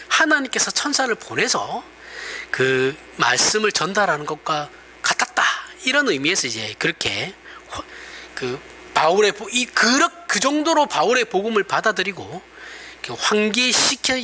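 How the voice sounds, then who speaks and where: A middle-aged man with a Gyeongsang accent preaches in a sermon, speaking in a high voice with very bright, forceful tone. His delivery is chatty and animated, swinging widely in pitch, asking for agreement and laughing at himself. A faint hiss sits under the recording. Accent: Gyeongsang Korean. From Gyeongsang region, Korea. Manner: conversational, often asks the congregation for agreement, laughs at himself. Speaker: pastor.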